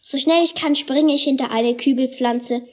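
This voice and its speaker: Female storybook narrator, high voice, animated character reading. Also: moderate pace.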